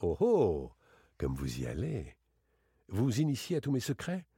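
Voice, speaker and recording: A man playing suave gentleman thief Arsène Lupin. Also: huge pitch swings, unhurried, vocal fry, husky, no room sound, clean studio sound, heavily acted. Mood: mocking, boastful. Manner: teasing, theatrical, swings between bright exclamations and low asides. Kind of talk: dramatic audiobook reading.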